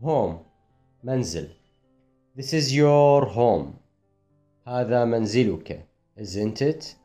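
Slow, mellow-voiced man teaching. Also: medium pitch, lively intonation, soft background music. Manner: explains in Arabic, reads English phrases slowly and carefully. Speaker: English teacher. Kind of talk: classroom grammar explanation.

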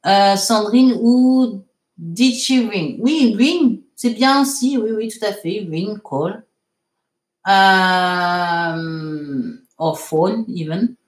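Slow-talking woman teacher in an echoey room. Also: mid-range voice. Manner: switches between French and slow English, frequent hesitations. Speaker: English teacher. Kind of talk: live online English lesson.

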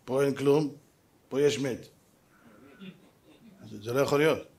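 A man giving a dramatic rabbinic sermon, telling stories and acting out the dialogue, swinging from loud exclamations to hushed asides. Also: mid-range voice. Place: synagogue or lecture hall.

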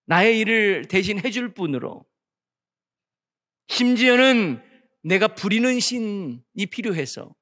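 A middle-aged male pastor preaching a revival sermon in a church. He moves between soft storytelling and loud, emphatic preaching. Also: high voice, very animated, takes it slowly, pauses often. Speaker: guest pastor. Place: church sanctuary. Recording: long church-hall reverb.

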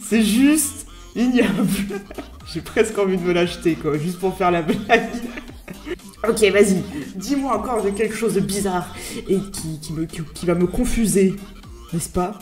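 A woman YouTuber giving casual, excitable reaction commentary, swearing and laughing often. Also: medium pitch, a little slow, echoey room, soft background music. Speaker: YouTuber host.

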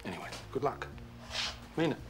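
An actor plays a wry, measured businessman boss in a TV soap, dry and deliberate. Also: music in the background, natural voice. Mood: dry, needling. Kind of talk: naturalistic TV soap acting.

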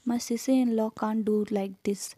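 A woman's voice: a little high, steady tone, normal speed, dark tone, dry recording, studio quality, natural voice. A woman reading the lines of a teasing young brother in a fan story, naming him before each line. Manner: reads the figure's name before each line.

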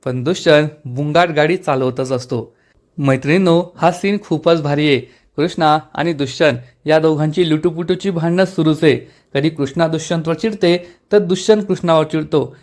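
A man's voice: a little high, moderate pace, a little mellow. A man enthusiastically narrating a recap of a TV serial episode for his viewers. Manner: enthusiastic, retelling.

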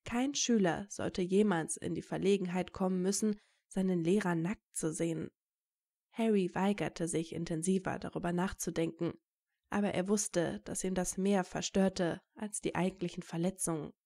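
A woman reading fan fiction aloud as narrator, telling the story in a steady, even way. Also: fairly low pitch, normal speed, creaky.

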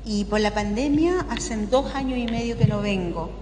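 An older religious sister with a Chilean accent gives an informal spoken sermon to a live audience in a large indoor parish hall, talking conversationally and often checking in with tag questions. Her voice is on the high side at a normal speed, and the hall is echoey with clear background noise.

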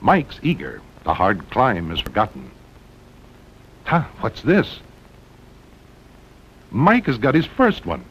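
The pitch swoops wildly in this husky American man's slow narration of a 1960s promotional documentary, broken up by long pauses. He delivers it dramatically in short, punchy phrases, and the muffled old soundtrack rumbles underneath.

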